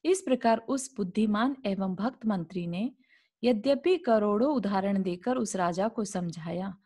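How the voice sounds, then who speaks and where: Over a video call, a woman teaches a scripture class, reading an old religious text aloud, explaining it in simple words and posing rhetorical questions to the class. Her voice is medium-pitched, dark and unhurried.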